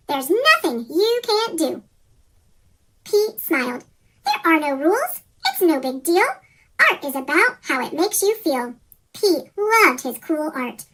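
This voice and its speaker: A reader of a rhyming children's picture book, voice pitch-shifted into a chipmunk effect, reading in a sing-song way. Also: bright, forceful tone. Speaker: storybook reader.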